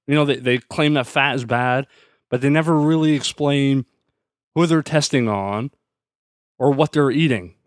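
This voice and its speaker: A man hosts his own podcast and rants in a sarcastic, worked-up way. His voice sits at an ordinary middle pitch. The recording is dry and close, with no room echo. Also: clean tone. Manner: fired-up, sarcastic ranting. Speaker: podcast host. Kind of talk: solo podcast rant.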